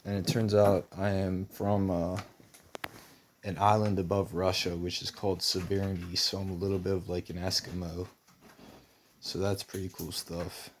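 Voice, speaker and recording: Low, gravelly, flat-voiced man. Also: slight background noise. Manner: meandering, many fillers and restarts. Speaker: vlogger. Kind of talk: rambling personal monologue.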